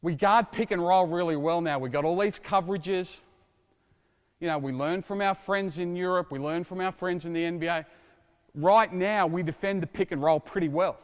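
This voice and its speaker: A middle-aged coach talks with a high, carrying voice as he runs a basketball drill. His speech is energetic and direct, with quick calls to the players and explanations for the watching coaches. The sound rings with the long reverb of a big gym. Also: clean tone. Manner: energetic, shouts drill instructions. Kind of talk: coaching clinic demonstration. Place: indoor basketball court.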